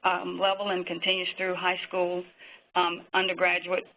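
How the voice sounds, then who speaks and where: A man speaking as a physician panelist, giving prepared webinar remarks in a measured way with frequent fillers, heard through a tinny phone-line connection. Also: high voice, monotone.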